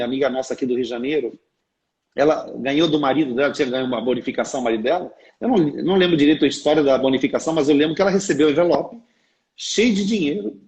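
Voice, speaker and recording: Earnest Brazilian man with a high voice. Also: a little mellow, poor audio. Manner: earnest storytelling, often asks "né?". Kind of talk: preaching on a livestream. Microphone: livestream setup.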